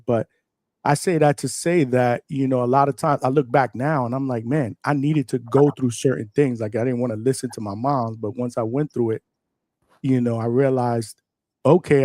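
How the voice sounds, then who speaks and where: A man's voice: mid-range voice, a little mellow, dry recording. New guy hosting a call-in show, mid voice, dry sound, laid-back street talk. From Brooklyn, New York. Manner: easygoing street talk, affirms often. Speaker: host. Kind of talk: live call-in show interview.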